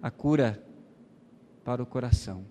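Brazilian missionary pastor telling a testimony. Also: male voice, medium pitch, warm tone, long reverb tail, a little hiss or hum. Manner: storytelling with quoted dialogue, many pauses and fillers. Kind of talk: sermon testimony.

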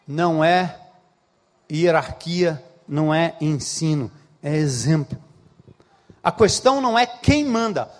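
A man preaching a sermon as pastor, emphatic, asking the listeners direct questions and swinging from loud to soft. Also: on the high side.

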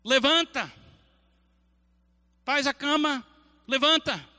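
Man putting on a booming, commanding God. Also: takes it slowly, big-room sound, full character voice. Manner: commanding, shouting from heaven. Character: booming stern male voice of God.

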